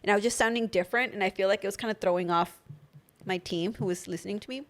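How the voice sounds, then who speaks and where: A woman's voice: mid-range voice, fast talker. A young woman co-hosting a podcast in casual chat, talking with a slight lisp from new dental aligners and lots of filler words. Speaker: podcast co-host.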